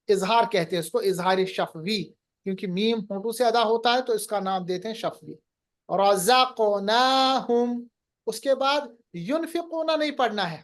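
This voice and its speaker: A woman teaching Quran recitation rules step by step, patiently explaining and quizzing her students. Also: a little high.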